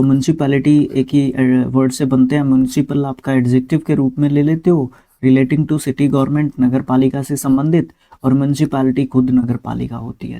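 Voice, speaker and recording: This is a man with an Indian accent teaching English words, his voice warm and soft-edged rather than bright. He works slowly through each word, switching between Hindi and English as he explains. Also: medium pitch. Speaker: vocabulary teacher. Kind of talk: spelling and vocabulary lesson.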